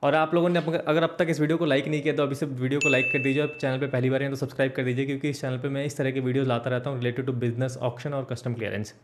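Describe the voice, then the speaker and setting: A young man in his twenties hosting his channel, explaining to camera with a steady, brisk delivery that mixes in English words. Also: medium pitch, noisy background. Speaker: channel host. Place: indoor studio with green backdrop. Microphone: desk microphone in front.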